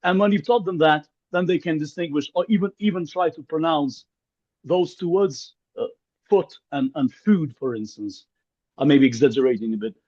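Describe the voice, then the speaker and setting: A man whose first language is Ukrainian joins a workshop discussion over a video call, the audio muffled and lo-fi. His voice is fairly high and a little mellow at a moderate pace, and he sounds hesitant, often restarting phrases and repeating words.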